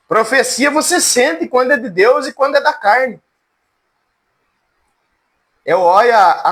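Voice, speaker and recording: A man with a strikingly high, cracked voice leads a relaxed church class. He jokes along in a folksy way and keeps calling on students by name. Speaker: Bible teacher. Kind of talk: informal church class lecture.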